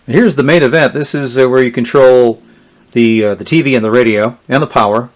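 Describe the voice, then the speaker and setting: Speaking a little fast at a medium pitch, a man reviews a gadget in an unscripted, hands-on demo. He's casual and plainspoken as he explains, with background noise and clicks clearly heard in the recording.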